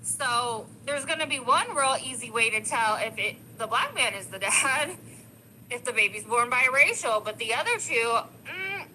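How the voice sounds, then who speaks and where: Bright, high-voiced woman streamer. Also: expressive, a little slow, a little hiss or hum, low-quality recording. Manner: emphatic, opinionated, gets loud when passionate. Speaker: streamer reacting to videos. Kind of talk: live-stream commentary.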